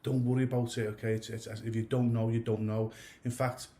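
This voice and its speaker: This goalkeeping coach, a man in his thirties or older, talks fairly quickly at a medium pitch with little rise and fall and a mellow quality. Congested from a cold, he rambles casually, often starting over and going off on side points.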